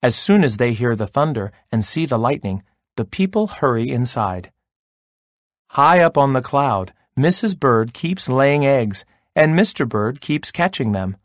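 Man, storyteller, storybook read-aloud, slow pace, dry recording. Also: mid-range voice, sing-song, no room sound.

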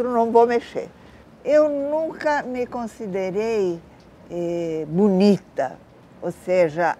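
Lively older woman talking in a garden. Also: mid-range voice. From born in Africa, of Italian culture, living in Brazil. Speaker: guest, writer. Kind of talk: reflective interview answers. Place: outdoor garden patio.

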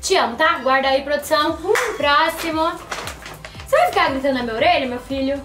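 A woman's voice: sits high, a little fast. A young woman vlogger, chatty and playful, talking to her viewers while opening gifts at home. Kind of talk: casual gift-opening vlog. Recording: echoey room with music.

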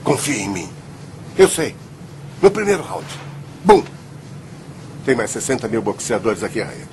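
An actor playing a weary, regretful middle-aged ex-convict boxing trainer in a Brazilian dubbed film drama. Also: male voice, medium pitch, very animated, unhurried, a little mellow, a little hiss or hum. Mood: urgent, insistent. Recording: film soundtrack with music behind.

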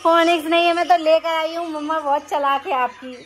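A woman's voice: very high voice, fairly even intonation, fairly quick. A woman from India vlogging casually, chatting to viewers as she visits family. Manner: chatty, addresses viewers directly. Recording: music playing behind.

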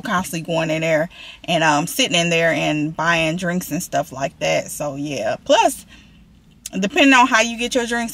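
Sitting in a parked car, a woman vlogger chats casually with her viewers, rambling and calling them y'all. Her voice is lowish with a fairly bright tone, picked up by a camera on the dashboard.

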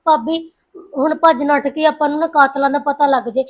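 An actress playing a gentle young sister who softly coaxes her sister-in-law to stay calm and look after herself. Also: sits high, brisk, close to an everyday voice. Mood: coaxing. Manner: soft, coaxing, sensible.

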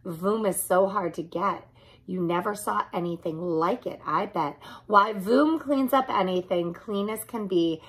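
A woman's voice: medium pitch, unhurried, slightly rough. A woman voicing a big, boastful, cheerful storybook cat with a showy, emphatic manner. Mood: showy, mysterious. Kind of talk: storybook character reading.

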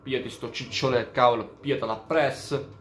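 A man's voice: mid-range voice, fairly even intonation, brisk, a bit bright, a little hiss or hum. Swearing, baffled gaming man. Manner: profane, openly baffled. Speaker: gamer. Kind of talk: casual let's play commentary. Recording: roomy echo.

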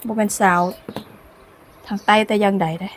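A woman's voice: medium pitch, fairly even intonation, moderate pace, a little hiss or hum. Chatty Lao woman cooking outdoors. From Laos. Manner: chatty, laughs often while talking. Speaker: cooking vlogger. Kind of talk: casual cooking vlog chat. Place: outdoors in sunshine. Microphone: camera filmed by her niece.

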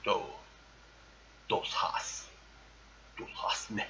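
This podcast host plays an old online game and chats casually, reading the game's text aloud with a playful swagger. His voice is sharp-toned and he drags out his words, with lo-fi sound and slight background noise.

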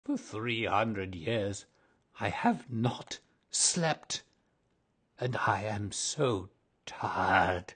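A man voicing a lonely, weary old male ghost who talks meekly and longs for rest, with a husky, dreamy voice. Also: on the low side, fairly even intonation, a little slow. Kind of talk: audiobook drama reading.

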